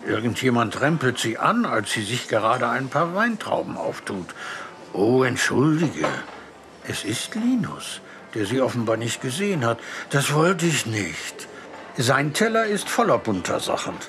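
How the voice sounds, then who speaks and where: A man narrating a children's audiobook in a gentle storytelling manner. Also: mid-range voice, very animated, normal speed, hardly any pauses, noisy background. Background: faint music.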